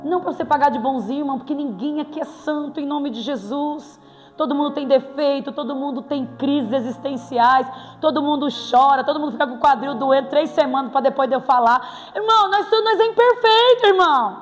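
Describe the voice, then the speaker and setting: A woman with a Brazilian Portuguese accent preaching a sermon in a church, playful and animated, with sudden exclamations. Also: high voice, brisk. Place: church hall. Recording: reverberant hall with faint music.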